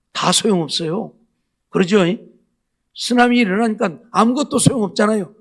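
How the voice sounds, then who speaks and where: A man's voice: high-pitched, gravelly. A male pastor preaching a Sunday night sermon, asking the congregation rhetorical questions again and again. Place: church sanctuary.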